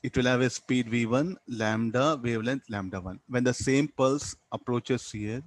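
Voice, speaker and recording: A man with an Indian English accent delivers a physics lecture in class, working a problem out step by step at a normal speed and medium pitch. Didactic throughout, he frequently asks questions only to answer them, and he tacks "no?" onto his statements.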